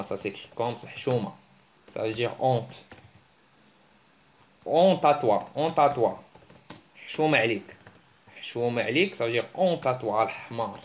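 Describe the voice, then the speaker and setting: A man giving a casual, joking online language lesson, teasing his viewers and breaking into animated bursts. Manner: joking, animated, teasing, with sudden pitch jumps. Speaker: language teacher.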